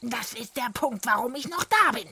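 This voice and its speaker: Woman putting on a croaky dwarf, boastful, greedy, children's audio story. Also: on the high side, expressive, moderate pace, bright, forceful tone, exaggerated voice. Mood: scheming. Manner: croaking, bragging.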